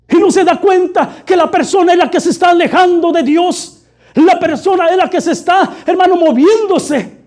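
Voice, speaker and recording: A man's voice: very high-pitched, darkish tone. A man preaching a fervent sermon, constantly calling his listeners brother. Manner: fervent, repeatedly addressing "hermano".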